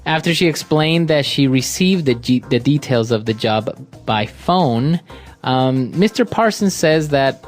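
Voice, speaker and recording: Calm man from Ecuador teaching English. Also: medium pitch, a little slow, faint music behind. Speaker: co-host. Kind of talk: English lesson podcast.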